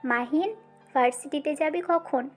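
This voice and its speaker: Lady putting on a chirpy young college girl, high voice, faint music. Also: a little slow. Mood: bubbly. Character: cheerful young university girl.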